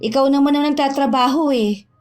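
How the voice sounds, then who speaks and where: A woman's voice: high-pitched, brisk, a little mellow, close to an everyday voice. An actress playing a caring but reproachful sister who worries about her brother. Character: protective younger sister, wary and hurt. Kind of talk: audio drama acting. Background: music.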